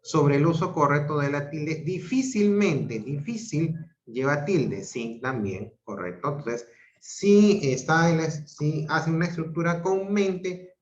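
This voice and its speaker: Slow-talking teacher on a muffled video call. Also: male voice, a little high, expressive, echoey room. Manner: explains step by step, checking in with "¿correcto?" and "¿ok?". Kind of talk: online grammar lesson.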